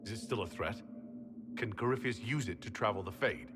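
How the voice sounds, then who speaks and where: A man as a deep-voiced, cautious hero. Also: noisy background, natural voice. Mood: cautious, concerned. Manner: measured, questioning. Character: level-headed, cautious male leader of a fantasy quest. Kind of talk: fantasy game dialogue acting.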